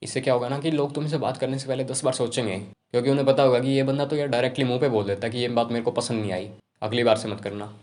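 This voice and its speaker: A young man giving casual self-improvement advice to camera, talking rapidly and informally. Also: medium pitch, steady tone, a little mellow. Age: young adult.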